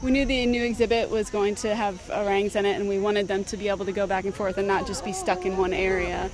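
A woman's voice: mid-range voice, little pitch movement, quick pace, slight background noise. A woman, a zoo keeper, explaining things informally in an interview outdoors. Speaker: zoo biologist and animal keeper.

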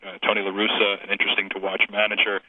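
A man in his thirties calls in to a radio show while crouched under a desk in a stadium press box. He talks in an eager, chatty way and slips in jokes. His fairly low voice comes through a thin, phone-like line. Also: completely flat delivery, very fast, breathy edge. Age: 30s. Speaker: guest sports writer. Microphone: telephone. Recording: narrow tinny phone line.

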